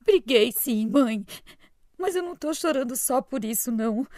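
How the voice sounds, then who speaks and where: A woman's voice: high voice, animated, moderate pace, darkish tone, no room sound. A woman voicing an anxious, emotional young pregnant woman in an amateur radio drama, pleading and upset. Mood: distressed.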